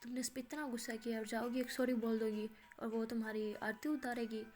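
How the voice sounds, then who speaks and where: A sarcastic young female friend scolds the heroine in a spoken love story, as a woman narrator puts her on. Her voice sits somewhat high and has a mocking edge. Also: little pitch movement, brisk, darkish tone, close to an everyday voice.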